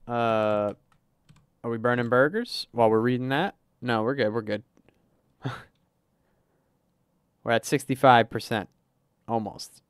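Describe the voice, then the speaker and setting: A man streaming a game, talking along as he plays in a smooth, clear voice. He narrates each move and reads chat aloud at an ordinary middle pitch. The sound is dry and close to the mic. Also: steady tone, unhurried, long pauses, dry recording. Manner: chatty, narrates his moves, reads chat aloud, laughs easily. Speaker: livestreamer. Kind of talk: casual gameplay livestream commentary.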